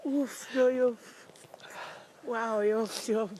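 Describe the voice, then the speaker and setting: A woman from Cuba, a reality show contestant speaking emotionally by a campfire, halting and repeating words, near tears. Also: fairly high pitch, steady tone, warm tone, slight background noise. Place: outdoors at a campfire at night.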